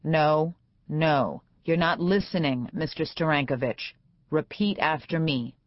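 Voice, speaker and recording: A woman's voice: low voice, unhurried, no room sound. A woman voicing a sarcastic, domineering older male judge in an audiobook, with a dull, dry studio sound. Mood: scolding.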